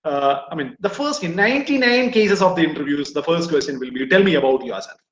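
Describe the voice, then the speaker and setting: Indian English man, placement trainer, high voice, repeats himself, echoey lo-fi room. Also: lively intonation, fairly quick. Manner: repeats points, ends phrases with "right?". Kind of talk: lecture to engineering students. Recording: echoey, dull lo-fi room sound.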